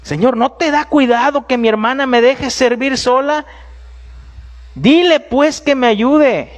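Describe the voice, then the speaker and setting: A man's voice: very high-pitched, a little slow, pitched above the performer's own voice. A man doing an indignant complaining woman. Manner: pleading, exasperated questions. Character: indignant, upset woman complaining to her master.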